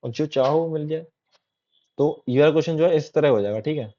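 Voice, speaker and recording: A man's voice: fairly high pitch, a little fast, warm tone. A man teaching a coding lesson in a casual, repetitive way, often checking that listeners follow. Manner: chatty, repetitive, keeps checking in with "theek hai". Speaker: coding tutor. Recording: dull lo-fi recording.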